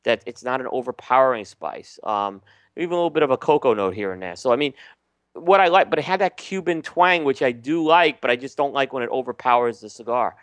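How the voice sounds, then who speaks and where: Brisk and medium-pitched, a man co-hosting a casual podcast talks through cigar reviews in a relaxed way, with plenty of ums and restarts. There is no echo.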